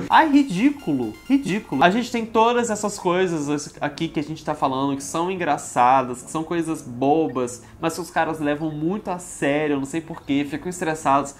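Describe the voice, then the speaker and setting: A man's voice: on the high side, brisk, few pauses, a little hiss or hum. Sarcastic man venting on camera. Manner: sarcastic and exasperated. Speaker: YouTuber. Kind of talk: opinionated commentary vlog.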